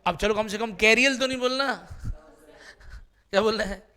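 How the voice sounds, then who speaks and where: A man's voice: high-pitched, moderate pace, pushed and bright, smooth. A man teaching English vocabulary in a classroom, quizzing students with repeated questions in a playful way.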